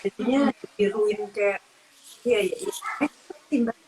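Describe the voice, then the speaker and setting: A woman's voice: medium pitch, measured pace, a little mellow, slight background noise, low-quality recording. A woman host in a casual chat, giving frequent short agreeing responses.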